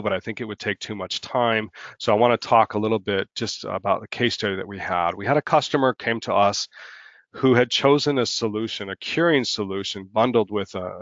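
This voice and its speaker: A marketing head presenting a business webinar, talking quickly with many ums and uhs. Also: male voice, a bit bright, no room sound, lo-fi sound. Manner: fast, filler-heavy business pitch.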